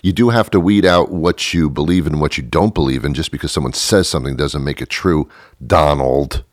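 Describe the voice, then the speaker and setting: A man's voice: extremely low pitch, fairly quick, no echo, clean studio sound. A man in his thirties hosting a talk show, rambling through a sarcastic, self-mocking monologue that often trails off. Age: 30s.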